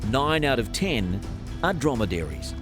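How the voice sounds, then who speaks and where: A male narrator delivers a scripted documentary voice-over. His pitch is mid-range and moves expressively through the sentences, with music clearly playing underneath. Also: big pitch swings, measured pace.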